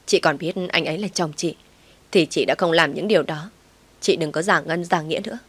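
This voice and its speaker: A heartbroken young woman pleads through sobs, then turns sharp and defiant, as a woman narrator plays her. Her voice is her own, in an audio story. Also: sits low, a little fast, breathy edge, no room sound, exaggerated voice. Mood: angry. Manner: pleading, sobbing voice.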